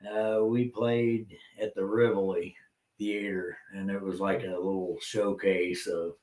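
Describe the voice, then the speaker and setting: A man from Indiana talks slowly in a low, unhurried voice, recorded in an echoey room. He answers in short, agreeable bits and tells his stories in plain, folksy grammar. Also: little pitch movement, darkish tone. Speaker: podcast co-host, former musician. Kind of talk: casual reminiscing chat.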